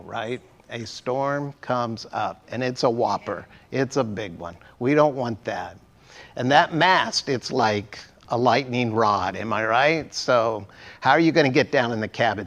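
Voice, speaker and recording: A man's voice: mid-range voice, fairly bright tone. A male pastor giving a sermon in a church, conversational and asking the congregation questions. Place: church sanctuary.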